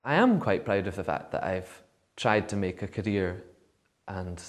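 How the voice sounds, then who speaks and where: A man's voice: sits low, expressive, unhurried. A man giving considered, thoughtful answers as an interviewee. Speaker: vox pop interviewee.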